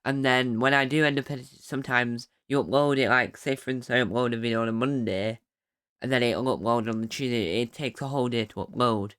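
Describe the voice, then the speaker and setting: Chatty man hosting a podcast, smooth voice. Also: mid-range voice, fairly quick. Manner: chatty and rambling, with bursts of excited cheering. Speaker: podcast host. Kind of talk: casual solo podcast recap.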